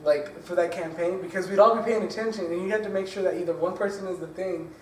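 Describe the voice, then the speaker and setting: A man's voice: high-pitched, fairly even intonation, fast talker, darkish tone, far from the mic. A man co-hosting a podcast, rambling and insisting, full of filler words. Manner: insistent, rambling, lots of "like" and "dude". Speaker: podcast co-host. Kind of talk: casual chat. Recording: echoey room from afar, faint noise.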